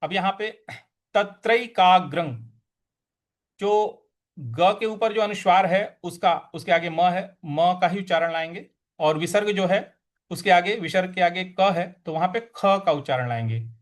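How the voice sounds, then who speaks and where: A man teaching the recitation of Sanskrit verses, chanting each line slowly and then explaining the pronunciation. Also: high-pitched. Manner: slow chanting of verses between quick spoken explanations.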